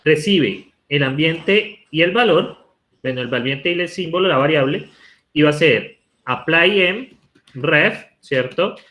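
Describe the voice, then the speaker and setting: Slightly high and animated, this Colombian man's voice has a sharp tone and a somewhat slow delivery. As a university lecturer running a live online coding class in Colombian Spanish, he types while explaining and keeps asking the rhetorical "¿cierto?"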